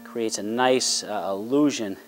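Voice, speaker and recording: A man's voice: fairly low pitch, unhurried, soft background music. A middle-aged man with a folksy, encouraging barbecue-dad manner, explaining things casually as he hosts. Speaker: dad hosting a hunting and fishing show. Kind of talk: casual explaining to family and camera.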